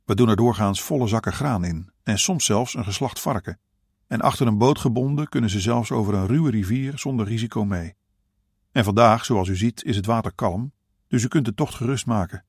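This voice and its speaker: A man's voice: on the low side, fairly quick, a little mellow, slightly rough, no room sound, clean studio sound. A man playing a burly, bearded middle-aged boatman who gives practical, reassuring advice. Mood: matter-of-fact. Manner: matter-of-fact, reassuring.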